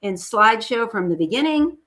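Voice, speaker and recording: On a video call, an Italian-first-language woman from the United States presents a casual, chatty, upbeat webinar as a trade expert. She speaks briskly and expressively, with a slightly high voice and a fairly bright tone.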